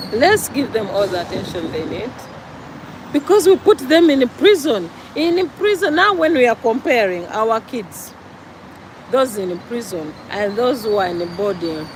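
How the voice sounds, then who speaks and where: A Ugandan woman with a Ugandan accent speaks slowly and deliberately in a slightly high voice, repeating her points in an earnest, preachy vlog monologue. She records outdoors by a road, and clear traffic noise runs behind her voice. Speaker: vlogger.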